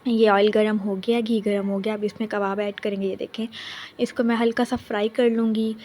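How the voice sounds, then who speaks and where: Chatty young mom vlogging. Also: female voice, medium pitch, level tone, a little fast, a little mellow. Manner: chatty, talks straight to viewers. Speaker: vlogger mother. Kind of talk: casual vlog narration.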